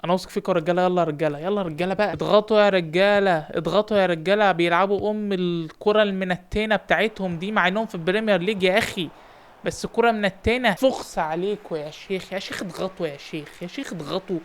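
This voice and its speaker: A young man with an Egyptian Arabic accent, giving lively, animated commentary while playing a football manager game and shouting encouragement at his players. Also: high-pitched, racing, a little hiss or hum. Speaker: gaming YouTuber.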